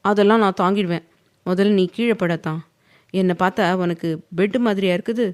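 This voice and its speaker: A woman's voice: medium pitch, normal speed, no room sound, clean studio sound, lightly acted. A woman voicing a playful, pouty young wife in an audio novel, with a whiny, coaxing delivery.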